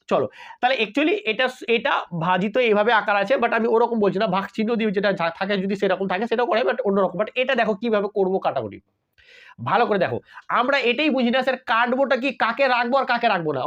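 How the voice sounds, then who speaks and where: Male math teacher, brisk and chatty with students, slightly muffled lo-fi recording. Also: extremely high pitch. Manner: talks straight to students, asking "got it?" often. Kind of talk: casual online math lesson. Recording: slightly dull lo-fi audio.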